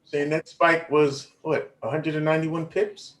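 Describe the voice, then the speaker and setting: A man on a live trading stream who reacts excitedly to market moves with whoops and exclamations. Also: a little high, unhurried. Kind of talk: casual live trading chat.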